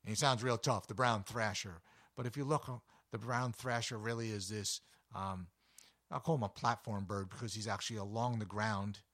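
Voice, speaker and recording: A man with a deep voice, hosting a nature show and chatting enthusiastically with frequent fillers. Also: steady tone, moderate pace, a bit bright. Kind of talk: casual talk about backyard birds.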